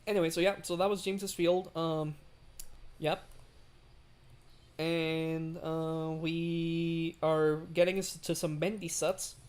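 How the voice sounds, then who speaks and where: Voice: medium pitch, flat delivery, takes it slowly, a little mellow. A livestreamer chatting casually while building a railway in a game, rambling with many fillers and greeting chat. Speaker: livestream host.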